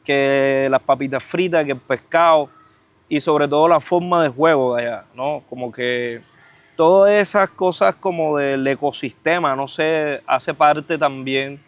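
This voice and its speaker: A man's voice: on the high side, measured pace. A man with a Caribbean Spanish accent from Cartagena, Colombia, hosts a casual conversation, agreeing and building on what is said. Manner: agreeing, builds on the other speaker's points. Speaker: podcast host.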